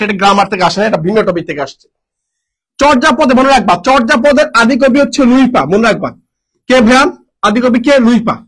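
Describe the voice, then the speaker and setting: A young male tutor with a very high voice runs an exam-prep lesson at a brisk clip. He asks his own questions, answers them at once and repeats each key word several times. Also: fairly bright tone, rough recording. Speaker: teacher.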